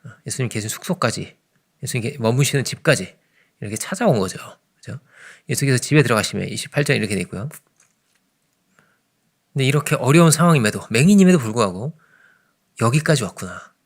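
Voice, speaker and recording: A pastor with a medium-pitched voice preaches an early morning sermon conversationally, talking fast and animatedly with frequent pauses. He often checks in with the congregation and swings from loud emphasis to quiet asides.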